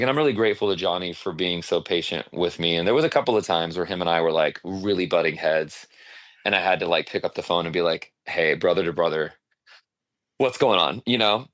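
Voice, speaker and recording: A man with a very low voice chats as an interview guest on a podcast. He tells animated, filler-heavy stories. The sound is dry and close, with little room echo. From Arizona. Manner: animated storyteller, many fillers, laughs often. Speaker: singer-songwriter guest. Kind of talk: casual interview chat.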